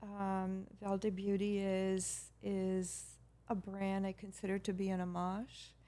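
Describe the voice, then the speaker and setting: A middle-aged woman from Peru, a guest telling her story in a measured, hesitant way with many pauses and restarts. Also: mid-range voice, completely flat delivery, warm tone. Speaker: guest, brand founder. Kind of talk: casual interview talk.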